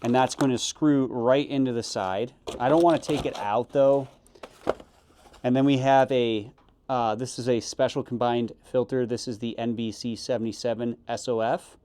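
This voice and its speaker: A man giving a casual, halting unboxing review, correcting himself as he goes. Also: mid-range voice, steady tone, warm tone. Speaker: product reviewer. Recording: noisy, with crinkling packaging and clicks.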